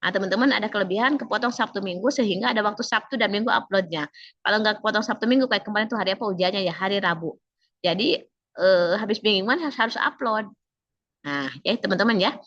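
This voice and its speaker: A woman instructor coaching an online class, slightly hoarse, chatty, and quizzing students by name. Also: mid-range voice, quick pace, fairly bright tone, no room sound, dull audio. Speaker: civil service training instructor.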